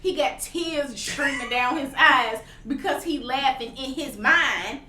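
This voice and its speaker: Animated woman telling stories, bright. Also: high voice, takes it slowly. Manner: animated storytelling, teasing. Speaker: podcast co-host. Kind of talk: casual chat. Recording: roomy, distant mic, faint hiss.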